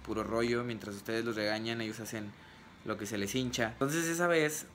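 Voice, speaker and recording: A man's voice: mid-range voice, fairly quick, a little hiss or hum. A young man with a Mexican accent, a vlogger telling funny, self-mocking stories from his childhood to camera. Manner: animated, comic, self-mocking storyteller. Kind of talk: casual storytelling to camera.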